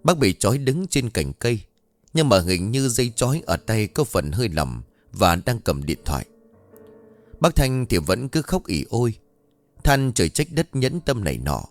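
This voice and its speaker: A man narrating a ghost story in an expressive, animated way. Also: medium pitch, normal speed, soft background music.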